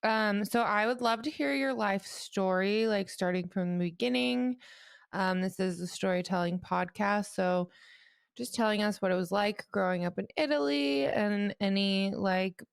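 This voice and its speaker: A woman hosting a storytelling podcast, asking relaxed questions full of fillers. Her voice has a gravelly fry underneath yet sounds smooth and resonant, and the recording is dry and close. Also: mid-range voice, normal speed, dry recording. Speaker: podcast host. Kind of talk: casual podcast interview.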